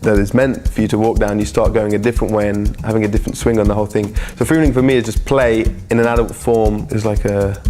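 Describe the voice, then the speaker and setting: Free runner, 30s, low and even delivery, relaxed, faint music behind. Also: male voice. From England. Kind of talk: documentary interview.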